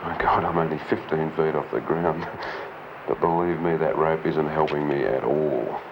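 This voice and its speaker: A man's voice: extremely low pitch, fairly even intonation, moderate pace. A man, a novice climber, talking casually and wryly about his climb outdoors. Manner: wry, self-mocking. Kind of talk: casual chat and commentary while climbing. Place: outdoors at a rocky cliff. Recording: dull 1970s location film sound, very noisy.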